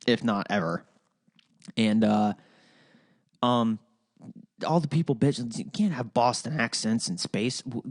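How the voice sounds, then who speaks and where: In a fairly low voice, recorded in studio quality with no echo, a young Midwestern-accented podcaster from Ohio talks alone. He's casual and profane, wandering off track with plenty of fillers and restarts.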